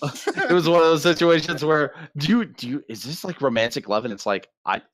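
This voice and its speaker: A man's voice: on the high side, a little fast, a crowd in the background. A man hosting a casual online podcast, rambling and stammering over his words, talking over a voice call. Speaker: podcast host. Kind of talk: casual livestream chat.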